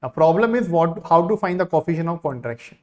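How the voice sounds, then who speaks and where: A man with an Indian accent, an online teacher, giving an insistent, repetitive sales pitch to his live class. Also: animated, fast talker, darkish tone. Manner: insistent sales pitch, repeating key phrases.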